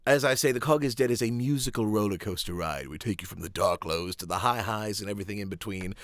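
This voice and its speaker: A man hosting a casual music live stream, talking in a halting, light-hearted, self-deprecating way. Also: lowish voice, fairly bright tone, no room sound.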